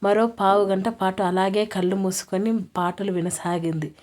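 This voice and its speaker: A woman narrating a romance story in a steady, even reading voice. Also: medium pitch, normal speed.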